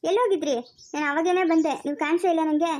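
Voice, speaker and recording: A woman performing a village comedy skit with a Chikkaballapur rural Kannada accent, chattering in fast, exasperated nagging. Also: very high voice, steady tone, a little mellow.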